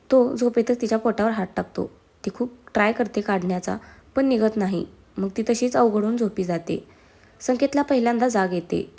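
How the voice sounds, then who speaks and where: A woman's voice: medium pitch, dark tone. A woman reading a family story aloud as storyteller, doing every character herself. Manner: reads all characters herself. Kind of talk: story narration.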